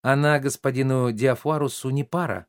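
A man voicing a sharp-tongued, cheeky female maid in a play reading, teasing and contrary. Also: medium pitch, fairly even intonation, normal speed, clean tone, dry recording, studio quality, natural voice. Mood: pert. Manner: pert, teasing, stubbornly contrary.

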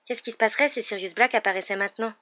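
A woman voicing a bossy, anxious teenage schoolgirl witch with a high, insistent voice, in a dull lo-fi recording. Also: rapid-fire, natural voice. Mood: worried.

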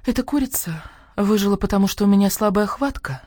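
A woman's voice: animated, fairly quick, a little mellow, no room sound, studio quality, natural voice. A woman voicing a coy, vain vixen in a storybook who plays helpless and whines. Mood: sulky. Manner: coy, whiny, shrill at times.

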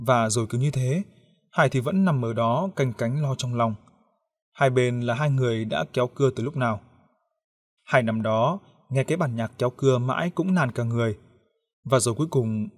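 A man narrating a horror audiobook in a measured, suspenseful storytelling manner. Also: medium pitch, a little mellow.

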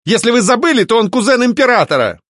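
A man reading an audiobook, voicing a pompous, panicky nobleman who yells in high yelps. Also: sing-song, fast talker, no room sound, clean studio sound, full character voice. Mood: shrill outrage.

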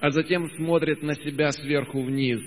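A man's voice: on the high side, steady tone, normal speed, big-room sound, low-quality recording. A man interpreting a motivational talk phrase by phrase, hesitant, with frequent filler sounds and self-corrections. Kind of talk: consecutive interpretation.

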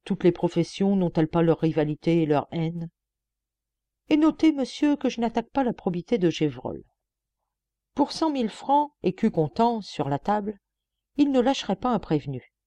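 A woman's voice: medium pitch, very animated, normal speed, mellow, no echo. A woman voicing a shrewd, earnest young male police detective in a storybook reading, persuasive and emphatic.

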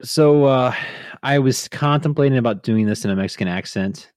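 A man's voice: mid-range voice, moderate pace, a little mellow, no echo, studio quality. A man co-hosting a casual movie podcast, joking around and reading out a plot synopsis. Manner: jokey, hamming up mock accents. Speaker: podcast co-host.

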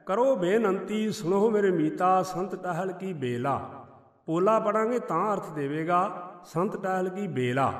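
A man with a Punjabi accent giving a measured teaching on how to recite scripture correctly, half-chanting the verses he quotes. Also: sits high, reverberant, in a large hall, recorded from a distance. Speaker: Sikh scripture scholar.

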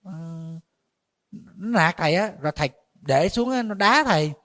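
A man, a Buddhist monk giving a conversational dharma talk, a little tired, animated when he tells stories. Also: high voice, normal speed. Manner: conversational storytelling, animated when retelling shouting.

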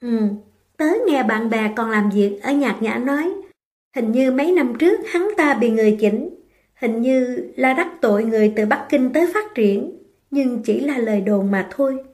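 Woman reading as a chatty young woman friend, frank, gossipy, higher voice. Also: normal speed, a little mellow, natural voice.

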